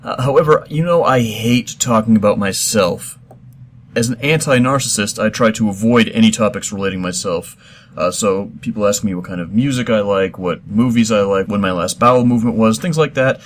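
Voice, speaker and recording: Middle-aged guy host, low-ish voice, deadpan rambling comedy bit. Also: fairly quick, slight background noise. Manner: deadpan, mock-serious, rambling with fillers.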